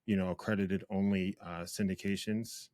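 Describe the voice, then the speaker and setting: A man hosting an interview show, asking questions in a relaxed, casual way with some slang. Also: deep voice, moderate pace, dry recording, clean studio sound. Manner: relaxed, uses slang like bro. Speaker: podcast host.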